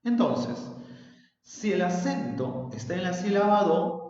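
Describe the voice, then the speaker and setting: Teacher in a roomy, echoing room. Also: male voice, medium pitch, warm tone. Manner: patient, explanatory, drawn-out example words. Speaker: secondary school language teacher. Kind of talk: recorded remote lesson. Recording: dull, roomy, distant with long reverb.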